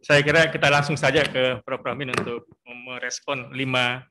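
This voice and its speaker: A man's voice: mid-range voice, fairly even intonation, moderate pace, noisy background. A man moderating a question session at a mosque lecture, politely thanking the questioner and handing the floor to the guest. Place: mosque hall.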